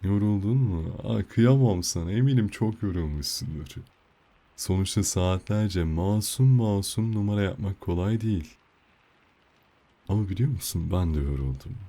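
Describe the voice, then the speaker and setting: Man playing a deep-voiced teasing boyfriend, ASMR role-play, quiet murmur. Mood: coaxing, accusing.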